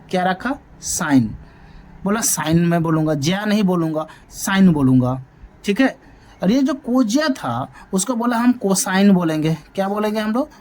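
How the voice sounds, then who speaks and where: A man's voice: high-pitched, darkish tone. A male math teacher giving a classroom lecture, often asking a question and then answering it himself. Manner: drills points by asking and answering his own questions.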